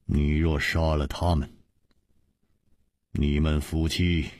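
A man voicing a calm, wry wandering hero who speaks unhurried and composed. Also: a bass voice, no echo, clean studio sound, pitched below the performer's own voice.

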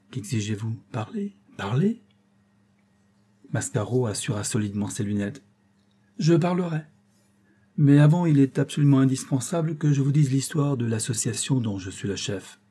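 A man's voice: lowish voice, mellow, husky. A man narrating a novel as an audiobook reader, lifting his voice for the characters' lines.

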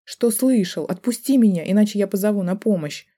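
A tearful, defiant young woman as a man puts her on in an audiobook, snapping back in a raised, strained voice. Her tone sits dark and mellow despite the lifted pitch. The delivery is shrill and hurt. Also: lively intonation, brisk, husky. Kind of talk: audiobook character voice.

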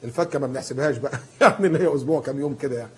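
A man preaching in a colloquial style with an Egyptian accent. He is animated and emphatic, and he acts out the people he quotes. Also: mid-range voice, rapid-fire, husky. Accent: Egyptian Arabic. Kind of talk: colloquial sermon.

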